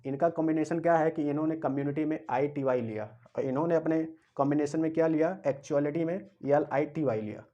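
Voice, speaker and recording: Mellow-voiced man teaching a grammar lesson. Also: on the high side, steady tone, highs cut off. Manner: explains step by step, asking and answering his own questions; spells out and repeats words slowly. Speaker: English teacher. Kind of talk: classroom-style grammar lecture.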